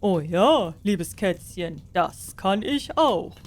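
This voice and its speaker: A woman voicing a proud, boastful male sorcerer in a storybook reading, speaking slowly and grandly. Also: expressive. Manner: proud, slow, booming.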